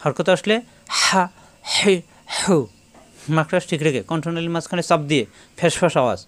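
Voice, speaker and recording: A man's voice: on the high side, rapid-fire. A man teaching a recitation lesson step by step, repeating syllable drills and speaking directly to his viewers. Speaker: Quran reading teacher.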